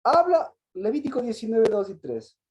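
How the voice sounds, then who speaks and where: A woman giving a Sabbath Bible teaching, often asking her listeners questions, restarting phrases and clearing her throat. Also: fairly high pitch, big pitch swings, normal speed, darkish tone, dull audio.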